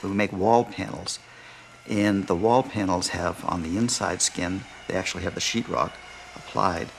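Older ceo guy, low gravelly voice, talks it through slow and thoughtful, faint hiss. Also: steady tone. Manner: thoughtful, gestures as he explains, restarts mid-phrase. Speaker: company CEO. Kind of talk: interview. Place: indoor living room.

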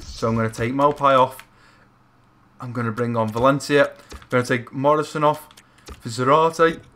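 Excitable guy gaming. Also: medium pitch, normal speed. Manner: excitable, shouts encouragement at players. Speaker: gamer playing a football career mode. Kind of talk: live gameplay commentary.

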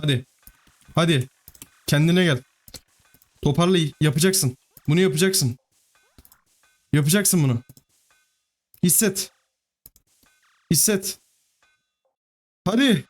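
A man giving live gameplay commentary, excitable, pleading with the game and cursing at it. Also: on the high side, slow pace, pauses often, soft background music. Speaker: gaming YouTuber.

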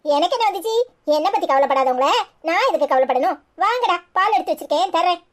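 A woman's voice: extremely high pitch, animated, fast. A woman playing a stubborn grumbling mum. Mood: sulking. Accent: Tirunelveli Tamil. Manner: sulky, complaining. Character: stubborn, grumbling cartoon mother.

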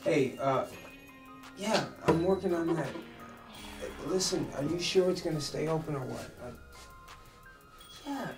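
A man playing a hot-tempered drunk husband who slurs and blusters, then flares up into shouting. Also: on the high side, close to an everyday voice. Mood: cagey. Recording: echoey room, distant mic.

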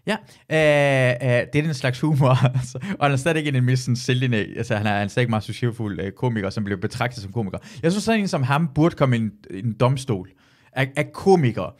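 A man hosting a podcast in casual chat, animated and ranting, swearing freely. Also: mid-range voice. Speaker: podcast host.

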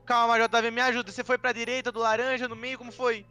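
A man's voice: very high voice, level tone, quick pace, bright, forceful tone, clean tone, soft background music. A man playing along with friends, joking, laughing and yelping in casual group gameplay chat. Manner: jokey, yelps and laughs often. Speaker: gaming friend.

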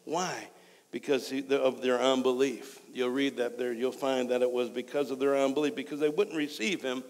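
A male pastor preaching a sermon, emphatic and rising to excited, raised delivery. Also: medium pitch, moderate pace. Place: church sanctuary. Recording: church hall reverb.

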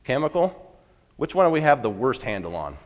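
A man's voice: mid-range voice, very animated, fairly quick. A man, a farmer, giving a folksy conference talk and asking the audience questions. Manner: folksy, asks the crowd questions. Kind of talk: storytelling lecture to an audience. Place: conference hall. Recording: long reverb of a large hall.

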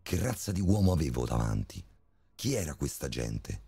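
Very deep, dark male horror narrator. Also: moderate pace, slightly rough. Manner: steady, grim storytelling. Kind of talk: scripted first-person horror narration. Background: faint background music.

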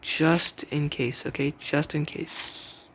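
Young guy narrating his game, gravelly, mumbles then yells at teammates, noisy mic hiss. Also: fairly high pitch, steady tone. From English-speaking country with its own slang. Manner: mutters and repeats words rapidly in tense moments, exclaims at teammates. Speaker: gamer. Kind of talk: casual gameplay commentary.

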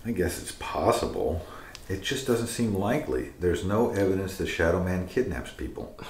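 An actor playing a stubborn older retired police officer who speaks firmly and dismissively in an audio drama. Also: male voice, low-pitched, expressive, moderate pace. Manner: firm, dismissive, sure of himself. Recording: roomy echo.

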